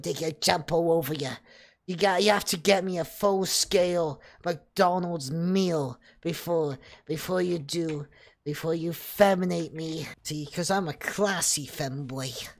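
A young man streaming a game while drunk, rambling and boasting playfully, with sudden shouts when fights break out. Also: a little high, normal speed. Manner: bursts into shouting during fights. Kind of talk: drunken gameplay chatter.

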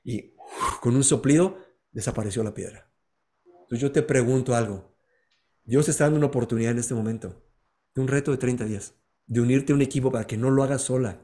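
A man telling a motivational parable as a life coach, in a dramatic, animated way. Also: mid-range voice. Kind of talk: motivational storytelling.

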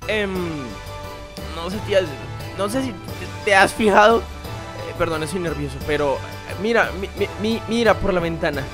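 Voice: mid-range voice, expressive, normal speed, music in the background, close to an everyday voice. A performer doing a nervous, stammering dad. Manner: hesitant, stammering with many fillers. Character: nervous, stammering father of a baby.

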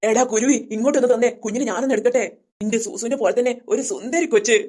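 A woman's voice: on the high side, very fast, darkish tone, close to an everyday voice. A woman voicing a doting aunt who fusses over a newborn in a toy-play story. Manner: fussing, gushing.

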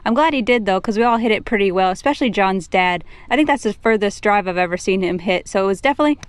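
A young woman narrating a casual golf vlog in a relaxed, lightly teasing way. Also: medium pitch, fast talker, clear, resonant tone, dry recording. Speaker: co-host. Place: outdoors.

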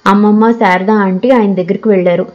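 Woman voicing a gentle reassuring teen girl. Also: medium pitch, fairly even intonation, fairly quick, highs cut off, soft background music, close to an everyday voice. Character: calm, kind teenage girl student.

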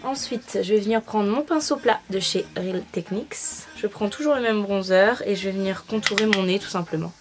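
A woman's voice: medium pitch, brisk, few pauses, music in the background. Chatty woman narrating a makeup tutorial. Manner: chatty, many fillers. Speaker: beauty vlogger.

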